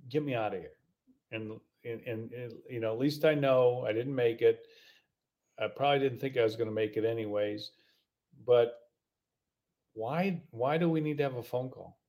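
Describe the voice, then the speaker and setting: A middle-aged man hosting a podcast and ranting in a casual way, full of rhetorical questions and stuttered repeats. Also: mid-range voice. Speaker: podcast host.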